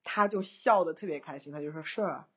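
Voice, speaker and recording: A young woman co-hosting a casual talk show, telling a personal story in an animated way, laughing often and mixing in English words. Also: sits low, brisk, breathy edge, muffled recording. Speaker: co-host, screenwriter.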